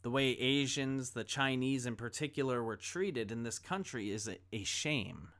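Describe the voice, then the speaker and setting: A man's voice: medium pitch, moderate pace, a bit bright. A man preaching a sermon, reading scripture and then retelling a film scene in a conversational way. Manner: conversational storytelling, acts out quoted dialogue. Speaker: pastor.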